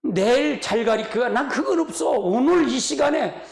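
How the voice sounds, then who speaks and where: A male pastor preaches with a gravelly, rough-edged voice that swings widely up and down in pitch. His delivery is colloquial and emotional, full of sighing exclamations. The sound reverberates around an echoey church hall. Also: lively intonation, normal speed. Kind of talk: sermon. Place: church sanctuary.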